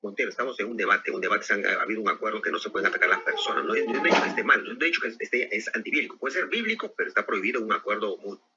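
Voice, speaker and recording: Quick, firm male debate moderator. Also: fairly low pitch, animated, lo-fi sound, background noise. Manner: firm, cuts in and keeps time.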